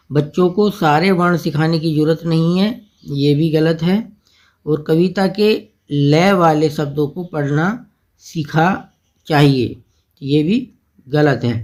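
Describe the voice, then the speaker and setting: A man's voice: on the high side, darkish tone. A man with a patient manner, walking through a teacher-training quiz and explaining each answer option in turn. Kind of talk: screen-recorded quiz walkthrough.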